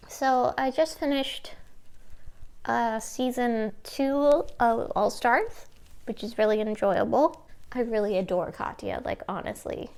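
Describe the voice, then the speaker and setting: A makeup vlogger chats casually as she works through a makeup tutorial, rambling in an informal, self-deprecating way. Her voice is a little high and a little mellow, with a clean tone.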